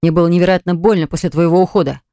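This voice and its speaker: A woman's voice: fairly low pitch, steady tone, very fast, mellow, dry recording, clean studio sound, close to an everyday voice. A woman voicing an insistent young man who pleads earnestly with his ex in an audiobook. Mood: anguished. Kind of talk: audiobook dialogue.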